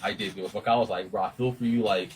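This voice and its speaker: A man telling a rambling, animated story in casual chat, swearing a lot and acting out what everyone said. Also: lowish voice, quick pace, over a noisy crowd, poor audio. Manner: rambling, animated retelling with lots of swearing and quoted dialogue.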